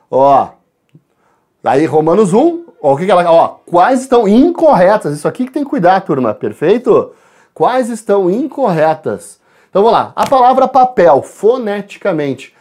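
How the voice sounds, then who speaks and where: This is a lively Portuguese teacher from Brazil going over an exam with the class, her voice medium in pitch and her accent Brazilian Portuguese. She spells letters out, counts sounds aloud, and alternates quick asides with slowly stressed words in this recorded correction session.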